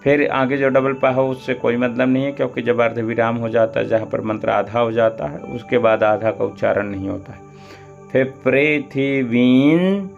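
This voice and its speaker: A man teaching Sanskrit mantra recitation, chanting verses slowly and then briskly explaining how each syllable is pronounced. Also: medium pitch, level tone, vocal fry, dull audio, soft background music.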